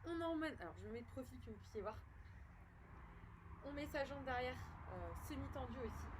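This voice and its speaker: A woman's voice: on the high side, noisy background. A French woman leading a home workout as a fitness instructor, upbeat and encouraging, counting repetitions aloud.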